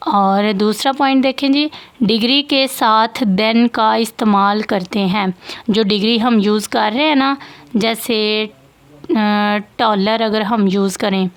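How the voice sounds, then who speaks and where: Slow, patient woman teacher with tinged speech. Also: on the high side. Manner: patient, repeats points, checks in with "theek hai". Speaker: English teacher. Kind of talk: slow classroom explanation of grammar.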